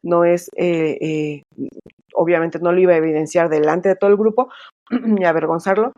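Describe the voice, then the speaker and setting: Woman, middle-aged, interview guest, chatty with fillers, acts out quoted dialogue, mellow voice. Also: lowish voice, fairly even intonation, moderate pace, no echo, lo-fi sound. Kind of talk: casual conversational interview.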